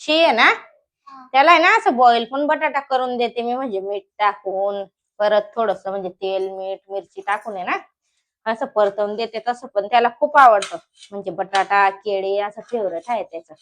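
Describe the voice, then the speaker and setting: A young woman from Maharashtra talking casually in a home cooking vlog, coaxing and scolding her small children between soft asides to viewers. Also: medium pitch, moderate pace. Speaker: vlogger and mother.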